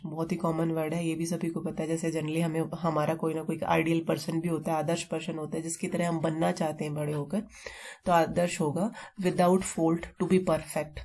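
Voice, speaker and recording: Low, mellow-voiced woman teaching vocabulary. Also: gravelly. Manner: explains slowly with memory tricks, repeats terms. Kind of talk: vocabulary lesson.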